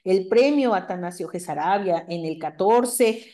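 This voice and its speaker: Female interviewer, warm-toned mellow voice, courteous, filler-heavy delivery. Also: medium pitch, expressive, a little slow. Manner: courteous, hesitant with many fillers. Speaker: interviewer host. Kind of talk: formal interview hosting.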